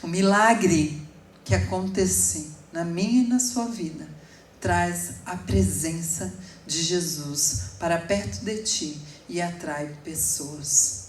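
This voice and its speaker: Woman preacher, forties, low register, emotional testimony with emphatic peaks; recorded from afar in a reverberant church. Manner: slow, emotional storytelling with sudden emphatic rises. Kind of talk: sermon testimony. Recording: echoey room, speaker far from mic.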